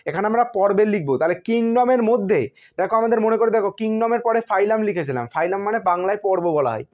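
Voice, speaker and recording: A man's voice: sits high, a little mellow. A man teaching a school science lesson, often repeating himself and spelling out terms letter by letter. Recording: dull lo-fi sound.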